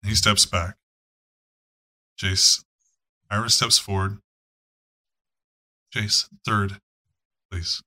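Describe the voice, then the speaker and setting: A man's voice: lowish voice, steady tone, extremely slow, long pauses, sharp tone. A man narrating a tabletop game as game master, casual and profane, with frequent fillers.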